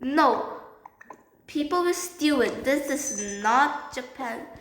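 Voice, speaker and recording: A woman's voice: high voice, lively intonation, slow pace, fairly bright tone, soft background music, full character voice. A woman playing a tired mother who scolds her child, in an echoey room. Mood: stern.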